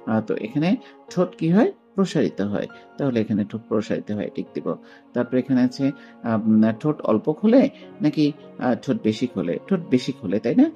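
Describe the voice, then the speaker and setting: A man's voice: mid-range voice, big pitch swings, a little fast, mellow. A man teaching a class, working through a textbook exercise step by step, with many fillers, asking questions and answering them himself. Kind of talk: textbook lesson walkthrough. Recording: dull lo-fi sound with faint guitar music.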